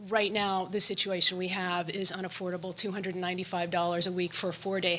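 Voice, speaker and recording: A woman's voice: mid-range voice, sharp tone. A woman making a public comment at a school board meeting, a little out of breath, earnest and apologetic, with frequent hesitations.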